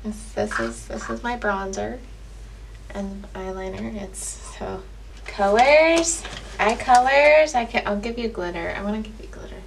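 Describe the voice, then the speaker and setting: A woman's voice: medium pitch, measured pace, creaky, background noise. A young woman chatting casually in a giggly, tipsy way. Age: young adult. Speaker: makeup challenge vlogger. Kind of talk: casual chat. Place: small indoor room at home. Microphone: camera a few feet away. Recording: distant camera mic, music behind.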